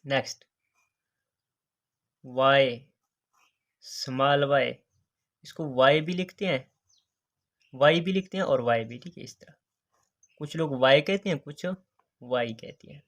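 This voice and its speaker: A man teaching the alphabet, saying each letter slowly and repeating "next" and "okay" as he goes. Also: fairly high pitch. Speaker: English teacher. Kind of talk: alphabet lesson narration.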